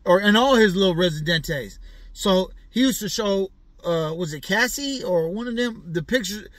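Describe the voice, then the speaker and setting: A man with a high-pitched, expressive, slightly bright voice hosts a show of casual celebrity-news commentary at a moderate pace. He rambles with lots of fillers and slang, constantly checking in with "right?" and asking the listener to agree. There's no echo.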